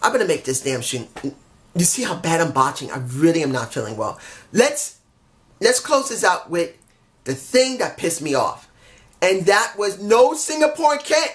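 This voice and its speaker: With big pitch swings and a moderate pace, his high voice carries a rambling solo wrestling review. He has a stuffy cold and feels unwell, so he keeps correcting himself, apologizing for mix-ups, and grumbling in frustrated asides along the way.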